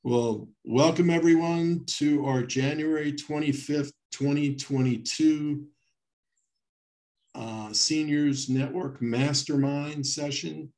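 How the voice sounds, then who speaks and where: A man's voice: a little high, a little mellow. A male host opening a webinar over a video call and welcoming the guest. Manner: unhurried, welcoming. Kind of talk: welcoming introduction.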